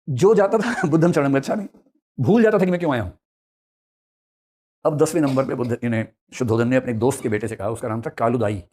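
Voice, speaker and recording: A middle-aged man telling a story as a lecture to students, acting out the characters' dialogue in lively asides. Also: medium pitch. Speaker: teacher.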